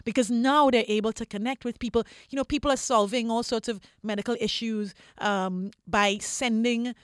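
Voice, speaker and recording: Appearing as an interview guest, a Trinidadian corporate diversity executive speaks with a fairly high, steady voice at a moderate pace. Her explanations are articulate and persuasive, with repeated phrases for stress, and the studio-quality audio is clean with no echo.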